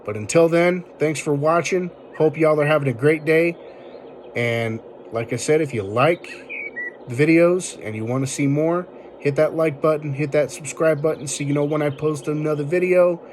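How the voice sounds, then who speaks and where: A man's voice: on the high side, normal speed, a little hiss or hum. A man hosting a casual tech tutorial, explaining things informally step by step. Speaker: video tutorial host.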